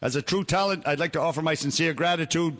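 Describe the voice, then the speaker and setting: A man's voice: fairly high pitch, fast, fairly bright tone, natural voice. A man voicing a crude, irreverent older male cardinal with a brogue, in a mock-pious comedy radio bit full of insults.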